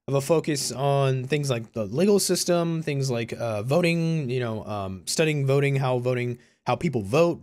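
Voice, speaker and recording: Speaking in a medium-pitched, slightly mellow voice, a Californian-accented man in his early twenties from Concord rambles informally to his viewers. He's a YouTuber and university student giving casual personal vlog talk, often correcting himself and peppering it with "you know" and "like".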